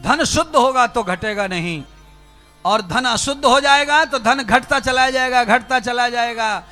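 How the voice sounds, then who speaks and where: High-pitched fervent male preacher, bright tone. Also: unhurried, soft background music. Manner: fervent, rhetorical, addresses listeners directly. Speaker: spiritual preacher. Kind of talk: Hindi religious discourse.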